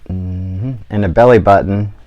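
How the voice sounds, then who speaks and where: A guest artist with a deep, warm voice gives a casual, playful drawing lesson for kids at an unhurried pace. He tends to ramble and trail off mid-thought.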